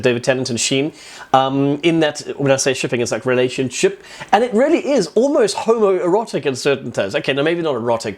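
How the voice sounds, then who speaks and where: A man giving a casual spoken review, chatty and enthusiastic, rambling with lots of fillers and restarts. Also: mid-range voice. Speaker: video reviewer.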